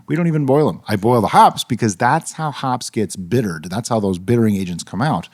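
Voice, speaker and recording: A man's voice: medium pitch, a little fast, no echo, clean studio sound. A man co-hosting a casual homebrewing podcast, talking through his opinions with lots of asides and reasoning aloud. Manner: animated, opinionated, rationalizing aloud. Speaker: podcast co-host.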